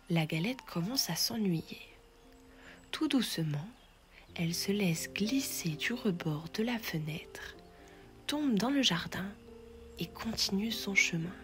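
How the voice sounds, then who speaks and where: A woman narrating a children's bedtime story in a soft, half-whispered, gentle voice. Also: medium pitch. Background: faint music.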